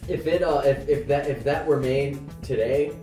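A man co-hosting a podcast, chatting casually and excitedly about a movie. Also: mid-range voice, moderate pace, music in the background. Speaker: podcast co-host. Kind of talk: casual movie review chat. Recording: echoey, distant from mic.

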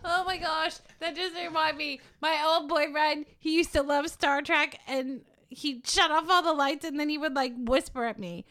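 A woman co-hosting a podcast, teasing and quick to react in casual banter among friends. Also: high voice, steady tone, bright, forceful tone, slight background noise. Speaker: podcast co-host.

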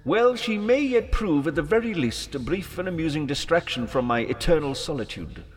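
Male actor as villain mastermind, higher-pitched, swooping delivery, mock-courteous, grandiose, audio drama, music underneath. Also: lively intonation, moderate pace, lightly acted. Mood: sly, amused. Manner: theatrical, mock-courteous, elaborately formal.

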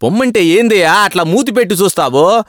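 A cranky railway ticket clerk barks at people in a rough village dialect, put on by a man reading aloud. His voice sits high and swings widely. The recording is close and dry. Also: animated, slow, a bit bright, no echo. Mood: scolding. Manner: scolding in a rustic dialect. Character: gruff irritable male ticket clerk.

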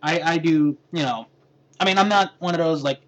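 A man co-hosting a podcast in a relaxed, casual chat, often restarting his sentences. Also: fairly high pitch, normal speed, highs cut off. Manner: relaxed, hesitant, trails off with restarts. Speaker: podcast co-host.

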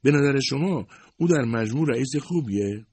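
A man's voice: medium pitch, expressive, a little mellow, breathy edge, dry recording, pitched above the performer's own voice. A man voicing a curious, earnest young woman who asks polite, probing questions.

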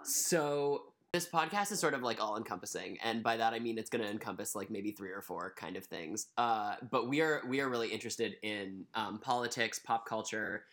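A man's voice: lowish voice, moderate pace, few pauses, fairly bright tone. A young American man co-hosting a casual podcast from a living room, talking in a loose, wry, informal way. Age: young adult. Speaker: podcast co-host.

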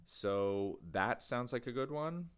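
A man's voice: mid-range voice, expressive, slow, smooth. A man co-hosting an education podcast, chatting casually and rambling a little, often restarting his sentences. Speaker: podcast co-host.

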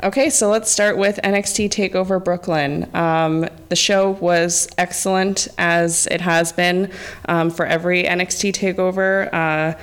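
Low-voiced lady chatting on a wrestling podcast, pretty flat delivery, echoey room. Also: measured pace, clean tone. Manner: giggly, nervous. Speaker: podcast co-host. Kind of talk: casual wrestling podcast discussion.

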